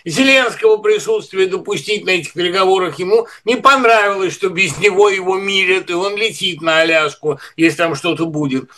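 A man's voice: high-pitched, pushed and bright. A man giving political and literary commentary in a lecturing, digressive way, full of historical references.

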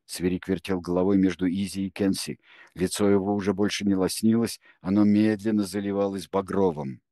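A man narrating a novel in a low voice, reading with tense drama. The recording is dry and close, with no room around him. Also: brisk, vocal fry, warm tone, no room sound. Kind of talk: audiobook narration.

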